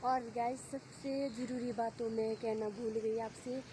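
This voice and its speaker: A young woman with a Himachali accent, chatting softly and quietly in a casual vlog, recorded outdoors on a phone with no mic. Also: on the high side, flat delivery, a little slow, background noise. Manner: soft-spoken, quiet voice. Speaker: vlogger. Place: outdoors at home, village. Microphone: phone camera, no mic.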